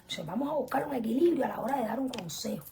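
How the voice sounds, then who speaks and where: A young woman teaching an online religious class, earnest and emphatic, often dropping to soft whispered asides. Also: fairly high pitch, animated, fast talker, creaky, slight background noise. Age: young adult. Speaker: spiritual teacher.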